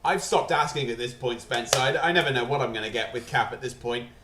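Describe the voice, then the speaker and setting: A man's voice: mid-range voice, fast talker, noisy background. A male streamer chatting playfully on a gaming livestream at a desk microphone, joking between game choices. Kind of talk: casual livestream commentary. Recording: roomy echo.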